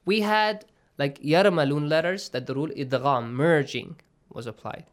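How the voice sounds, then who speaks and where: A teacher giving a recitation lesson, checking in often with "okay?" and "right?" and drawing out sounds slowly to demonstrate them. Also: mid-range voice. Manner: slow, drawn-out demonstrations of pronunciation. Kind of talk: tajweed lesson to students.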